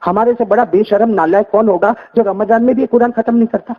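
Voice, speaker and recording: A male preacher telling stories in a lively sermon, prompting the congregation to repeat after him. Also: high-pitched, phone-quality sound. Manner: animated call-and-response with the congregation. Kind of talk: sermon storytelling.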